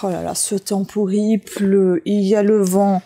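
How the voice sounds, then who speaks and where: A woman with a soft, mellow tone keeps up an easy running commentary as she goes through a pile of books. She talks to her viewers casually and thinks out loud, dropping frequent little asides at the ends of her sentences. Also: medium pitch, flat delivery, normal speed, slight background noise. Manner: chatty, thinking aloud while handling items, frequent "hein". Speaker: vlogger sorting books from bulky-item collection.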